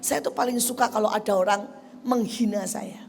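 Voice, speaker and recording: A middle-aged woman evangelist preaching a sermon, swinging between loud exclamations and hushed asides. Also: medium pitch, moderate pace, creaky, a little hiss or hum. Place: large church hall. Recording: large hall reverb with music behind.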